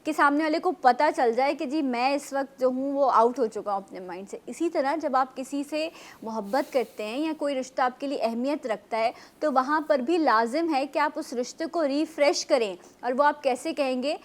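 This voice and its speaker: A woman hosting a television morning show, chatty and lively, with quick asides. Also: sits high.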